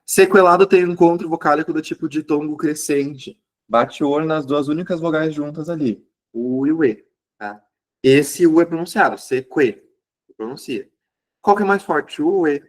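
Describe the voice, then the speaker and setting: Gaúcho teacher, high voice, keeps asking "tá?". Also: male voice, moderate pace. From southern Brazil. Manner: explanatory, checks in with frequent "tá?". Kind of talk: exam review lesson.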